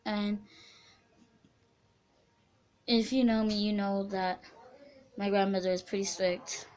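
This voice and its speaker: Young woman, from central California, casual storytime vlogger, rambling, self-interrupting, middle pitch. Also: steady tone, slow, a little mellow.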